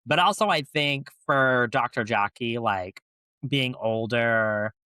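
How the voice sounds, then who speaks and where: Bright-voiced man co-hosting a chatty podcast. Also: mid-range voice, slow pace, clean tone, dry recording. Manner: chatty, with frequent restarts and laughs. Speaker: podcast co-host. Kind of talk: casual chat.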